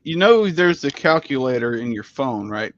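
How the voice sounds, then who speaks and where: A man joins the casual chat with dry teasing remarks and frequent restarts. His voice sits at a middle pitch, and the recording has a dull, muffled lo-fi tone. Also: very animated, normal speed, no echo. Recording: dull lo-fi sound.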